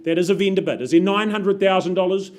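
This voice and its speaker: High-voiced New man auctioning property. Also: fast talker, darkish tone, a little hiss or hum. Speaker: real estate auctioneer. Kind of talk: live auction presentation.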